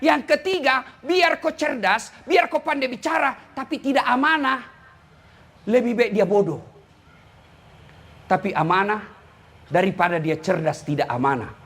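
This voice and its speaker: A man from Indonesia, an Islamic preacher giving a humorous sermon, teasing and addressing the congregation directly in an animated way. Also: extremely high pitch, slightly rough.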